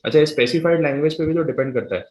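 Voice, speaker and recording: A man's voice: on the high side, darkish tone, highs cut off, a little hiss or hum. Male teacher in an echoey classroom. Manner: reads definitions slowly and dictates them word by word; switches between conversational talk and English reading. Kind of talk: live classroom lecture.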